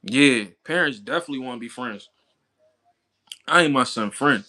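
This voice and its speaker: A man in his thirties, working as a livestream boxing commentator, chats casually with his live chat viewers in a relaxed, slangy style and laughs a lot. His medium-pitched voice is bright and forceful, with lively intonation at a normal speed.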